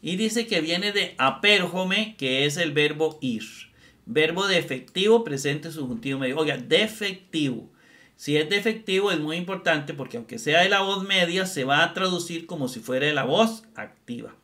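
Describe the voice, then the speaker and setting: Bright-voiced man teaching Greek grammar. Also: on the high side, animated, normal speed. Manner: thinks aloud, repeats terms, asks "¿verdad?". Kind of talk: screen-recorded lesson.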